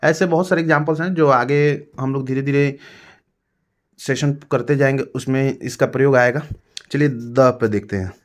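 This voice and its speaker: A male teacher with a Hindi accent explaining grammar step by step, repeating words slowly. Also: mid-range voice. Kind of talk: classroom lesson.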